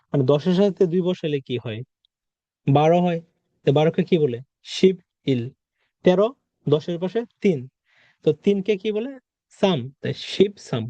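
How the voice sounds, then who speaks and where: A man's voice: on the high side, dark tone, no echo. Patient man teaching vocabulary, dull sound. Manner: patient, repeats and quizzes the listener. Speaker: Korean language teacher. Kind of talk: vocabulary lesson.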